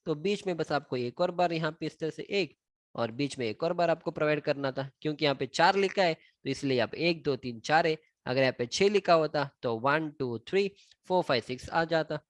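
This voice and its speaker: A man's voice: on the high side, dry recording. Indian man teaching engineering drawings. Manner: mixes Hindi and English, counts items aloud while pointing. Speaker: civil engineering instructor. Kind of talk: screen-recorded drawing tutorial.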